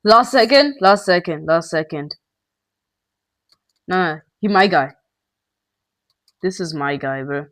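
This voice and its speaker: A male gaming channel host giving excitable, slangy live gameplay commentary with quick outbursts. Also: high-pitched, no echo.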